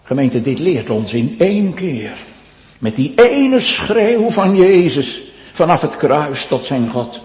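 A male pastor preaching a sermon, slow and solemn, his voice swelling loud and then dropping to a hush. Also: fairly high pitch, big pitch swings. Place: church. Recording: echoey church with long reverb.

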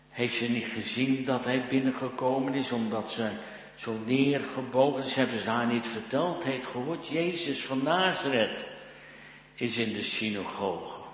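Slow-preaching man in echoing church. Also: medium pitch. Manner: slow, earnest preaching with emphatic rises. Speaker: pastor. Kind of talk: sermon. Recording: echoey church hall.

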